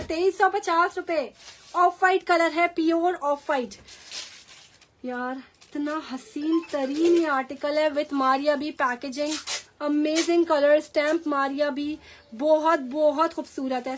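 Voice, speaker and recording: A woman with a Pakistani Urdu accent and a sore, hoarse throat, chatting enthusiastically as she sells clothes on a live stream and keeps repeating the prices. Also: high voice, a little hiss or hum. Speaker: online clothing seller. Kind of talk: live-stream sales pitch.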